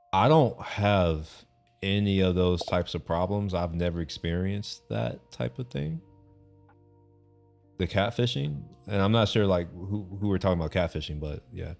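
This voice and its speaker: A young man from Texas with a deep, low voice talks casually to his stream audience. He rambles, often restarting his sentences and tossing in swear words. Faint guitar music plays behind him. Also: a little slow, gravelly, darkish tone. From Texas, USA. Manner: rambling, loose and conversational, with frequent restarts and swearing. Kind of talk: casual chat.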